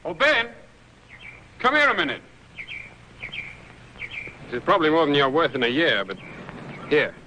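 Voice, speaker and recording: A breezy young gentleman, teasing and light on his feet. His voice is fairly high and bright, with a lively, swinging pitch, over faint hiss. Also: a little slow, pauses often, exaggerated voice, poor audio. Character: breezy young gentleman son, horse lover.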